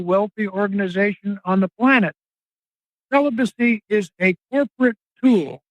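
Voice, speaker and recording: An older man speaking as an investigative reporter and guest, in an earnest, emphatic interview monologue with drawn-out phrasing. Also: high-pitched, no room sound. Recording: dry, slightly dull podcast audio.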